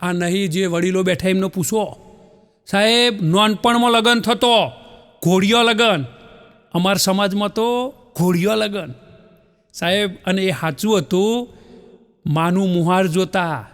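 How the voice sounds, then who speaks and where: Folksy Gujarati stand-up man, high voice, echoing hall. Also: a little slow, a bit bright, smooth. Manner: folksy storytelling, acts out wives and husbands in raised voices. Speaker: stand-up comedian. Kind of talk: Gujarati stand-up jokes on stage. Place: stage before a laughing audience. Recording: long hall reverb.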